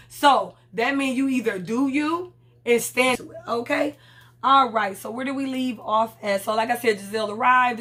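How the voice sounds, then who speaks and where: A woman's voice: on the high side, a bit bright. Blunt, profane woman recapping a reality show. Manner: candid, blunt, profane, rambling.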